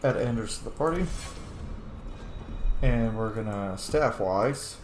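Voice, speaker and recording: Soft music plays behind a man giving casual gameplay commentary, playing along in character and playfully muttering back at the game's characters. His mid-range voice moves at a slow pace, recorded in an echoey room with faint noise.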